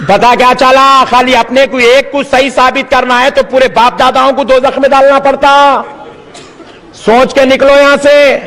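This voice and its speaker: High fiery preacher in a reverberant hall. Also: male voice. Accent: Deccani Urdu. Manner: fiery, rhetorical, bursts into shouting. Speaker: Islamic preacher. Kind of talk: impassioned sermon. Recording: long hall reverb over loudspeakers.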